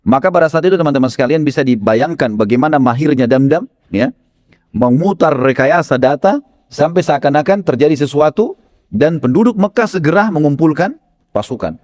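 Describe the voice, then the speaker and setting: A male preacher tells a story with lively, animated delivery and a slightly high voice. He often turns to his listeners with friendly asides and tag fillers. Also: a little fast. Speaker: Islamic preacher. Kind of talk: storytelling sermon.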